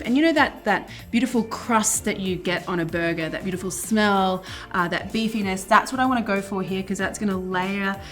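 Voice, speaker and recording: A woman hosting a relaxed cooking demonstration, chatty and playful, with a habit of laughing at herself. Her voice sits in a middle pitch. Faint music and a sizzling pan play behind her. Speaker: cooking show host. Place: kitchen.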